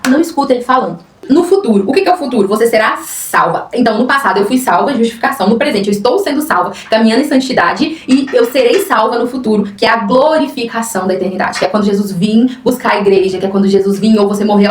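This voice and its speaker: A woman's voice: a little high, reverberant. A Brazilian woman teaching the Bible in a chatty, earnest way, speaking straight to her listeners as a friend. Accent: Brazilian Portuguese.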